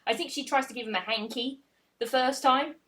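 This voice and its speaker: A woman in her twenties casually retelling a folk tale on a podcast, sweary and giggly, dropping into quick voices for the characters. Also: high-pitched, bright, forceful tone. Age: 20s. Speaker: podcast co-host.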